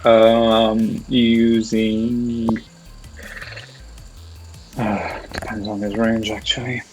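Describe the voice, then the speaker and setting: A man's voice: fairly low pitch, monotone, drawn-out words, faint music behind. A man playing a virtual tabletop game, talking through his moves in an easygoing way. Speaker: player. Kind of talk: casual chat while playing.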